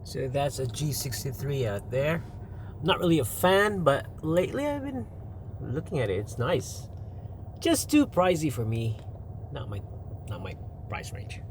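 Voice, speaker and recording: A man's voice: medium pitch, sing-song, a little slow, slight background noise. A man rambling casually and hesitantly in an off-the-cuff vlog, recorded beside a busy road. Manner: hesitant, loose, off-the-cuff talk. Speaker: vlogger.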